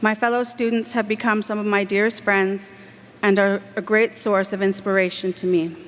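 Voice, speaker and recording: A woman from Canada giving a formal graduation address, measured, earnest and heartfelt, speaking into a podium microphone. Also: medium pitch, level tone. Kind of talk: formal convocation speech. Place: large indoor ceremony hall. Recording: long hall reverb, faint background hiss.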